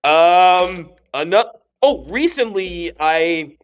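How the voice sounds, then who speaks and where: A man's voice: sits high, lively intonation, drawn-out words, dull audio. A man hosting a casual podcast, chatty and laughing as he talks about the cartoon voices he does. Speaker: podcast host.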